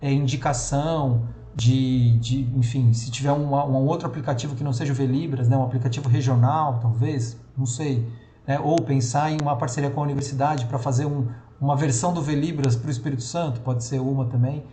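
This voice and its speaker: A man's voice: medium pitch, steady tone, brisk, warm tone, reverberant. A man with a São Paulo accent leading an online training session, talking casually with many fillers and restarts. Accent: São Paulo Portuguese.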